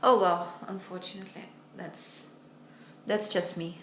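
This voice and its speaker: Her pitch sits fairly low with a steady, fairly bright tone, and she talks at a measured pace. She's a young American woman running a casual English-teaching livestream from home on her phone, chatty, hesitant, and quick to poke fun at herself. The audio carries roomy echo and slight hiss or hum.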